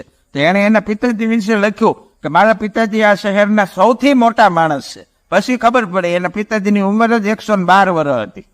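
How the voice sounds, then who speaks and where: A man telling folk jokes as a comedian, drawing out his punchlines in a studio recording. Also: sits high. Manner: folksy joke-telling, drawn-out punchlines. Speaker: stand-up comedian. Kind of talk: Gujarati folk comedy storytelling.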